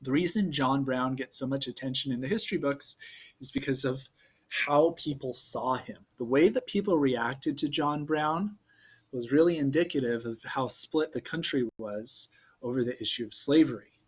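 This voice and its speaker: A man's voice: mid-range voice, normal speed, husky. A man in his thirties giving a casual history video lesson, joking and cracking corny puns. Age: 30s. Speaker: social studies teacher.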